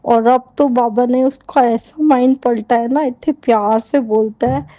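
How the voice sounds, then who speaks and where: Fervent woman giving thanks, slow and high. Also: fairly even intonation, no room sound, lo-fi sound. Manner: fervent, repeats thanks over and over. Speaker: devotee sharing a testimony. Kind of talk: devotional testimony.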